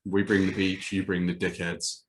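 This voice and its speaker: Male comedy podcast host, low voice, wry and deadpan. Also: moderate pace. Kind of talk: casual comedic chat.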